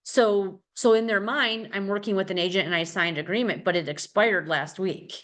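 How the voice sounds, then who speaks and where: A woman's voice: medium pitch, normal speed, fairly bright tone. Chatty woman leading a sales training. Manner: chatty, rambling, with many fillers and restarts. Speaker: real estate trainer. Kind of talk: casual team training session.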